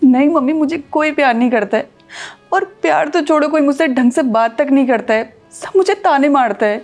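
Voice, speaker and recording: A married daughter pours out her grievances in a tearful, complaining voice, played by a woman. Her voice is high. Faint music plays under the scene. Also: fairly quick, a little mellow. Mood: upset. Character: upset married daughter, resentful. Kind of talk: Hindi short film acting.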